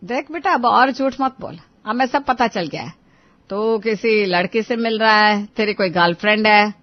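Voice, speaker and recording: Woman voicing a probing middle-aged mother, gentle, dull recording. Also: mid-range voice, moderate pace, close to an everyday voice. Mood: coaxing.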